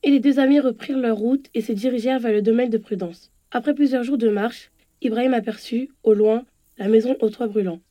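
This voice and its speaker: A woman narrating a children's story in a calm, even tone. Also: on the high side, brisk, lo-fi sound.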